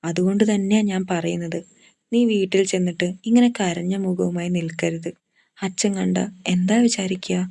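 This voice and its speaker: A woman's voice: on the low side, fairly even intonation, normal speed, gravelly, warm tone. A woman voicing a caring young woman friend who talks in a firm, reassuring way.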